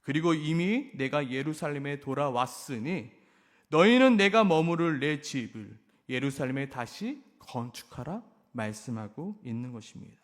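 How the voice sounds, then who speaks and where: A man delivers a sermon with a high, animated voice that climbs and falls sharply. He acts out pleading questions with passion, then sinks back to a quiet, low tone. The sound carries a long reverberant tail. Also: moderate pace. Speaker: pastor.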